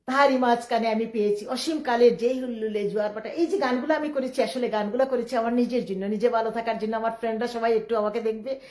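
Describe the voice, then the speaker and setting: A middle-aged woman from Bangladesh, speaking in a rambling live-stream monologue. She talks quickly and emphatically, often defiant, with many restarts. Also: a little high, steady tone, a little mellow. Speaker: livestreamer. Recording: echoey room.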